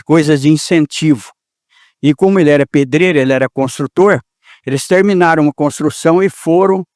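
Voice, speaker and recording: A man's voice: mid-range voice, darkish tone, no echo, studio quality. A man from Brazil giving an informal, heartfelt talk at a spiritist meeting, telling stories with quoted dialogue. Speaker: speaker at a spiritist center.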